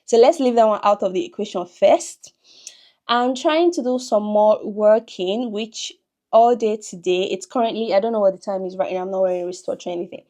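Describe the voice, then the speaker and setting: A young woman talks straight to her viewers in a loose, chatty vlog. Her pitch sits mid-range for a woman. She keeps breaking off into quick, self-amused asides. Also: mellow. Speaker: lifestyle vlogger. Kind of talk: casual vlog chat to camera.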